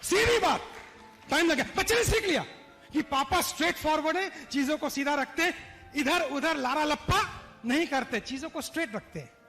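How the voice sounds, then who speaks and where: A man's voice: very high-pitched, a little fast. A man giving a motivational stage talk to a live audience, acting out stories and asking the crowd to respond. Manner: animated, acts out stories, urges audience responses. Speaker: motivational speaker and trainer. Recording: long hall reverb, faint music.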